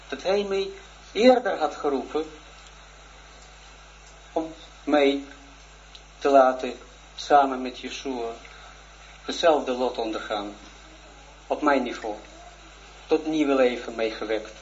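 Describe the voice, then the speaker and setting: Male religious teacher, 40s, halting earnest testimony, muffled lo-fi audio. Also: mid-range voice. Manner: halting, hesitant, with many restarts; shy and earnest. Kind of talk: personal testimony in a religious lesson. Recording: dull lo-fi recording with faint noise.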